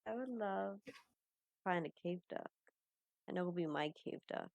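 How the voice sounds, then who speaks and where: A woman's voice: fairly low pitch, normal speed, gravelly, darkish tone, no room sound. A woman playing a tabletop game, chatting in a playful, giggly way. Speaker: player. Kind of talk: casual chat at a tabletop game.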